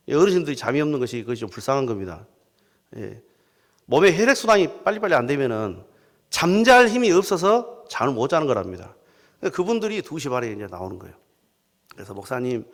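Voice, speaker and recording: A male preacher with a Jeolla accent tells a folksy, humorous sermon story, and his voice rises and dips a lot. It sits a little high for a man. His words echo with a long reverb in a church sanctuary. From southern Jeolla. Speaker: guest pastor.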